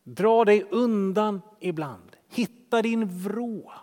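A man preaching a sermon as pastor, earnest, swinging from loud emphasis to hushed softness. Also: sits high, in a large hall. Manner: earnest, shifting between loud emphasis and hushed soft speech.

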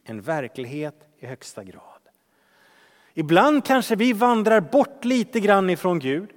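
A man preaching a sermon as pastor, earnest, swinging from loud emphasis to hushed softness. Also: sits high, in a large hall. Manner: earnest, shifting between loud emphasis and hushed soft speech.

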